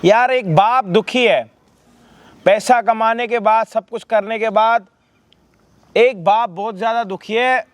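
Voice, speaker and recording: A man's voice: sits high, slow, long pauses. A man hosting a vlog who harshly rebukes a son, swearing freely. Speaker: vlog host confronting a son. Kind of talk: staged confrontation, scolding.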